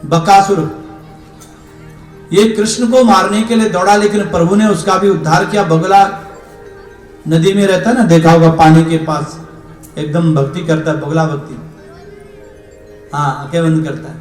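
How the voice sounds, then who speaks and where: A man's voice: on the high side, steady tone, measured pace, pauses often. A man preacher telling a scripture story in a devotional discourse, acting out the characters' dialogue. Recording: roomy hall echo with instrument music.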